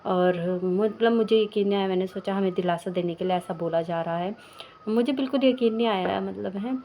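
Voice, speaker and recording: A woman's voice: mid-range voice, moderate pace, dark tone. A young woman vlogger talking casually to camera, rambling with many fillers and restarts as she retells a family story. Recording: faint background noise.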